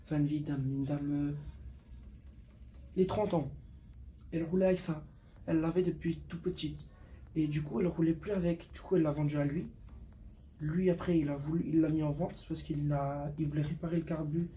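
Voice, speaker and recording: A Portuguese teenager, 15, shows off his motorbike in a casual vlog, talking fairly quickly but pausing often. His voice is slightly high and mellow with a steady tone, and he uses slang and repeats words for emphasis. Background noise comes through in the clear recording.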